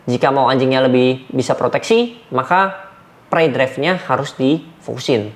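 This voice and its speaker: A man, a dog trainer giving numbered training tips and acting out sharp commands. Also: medium pitch, animated, normal speed. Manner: numbered points, demonstrates commands with sharp shouts.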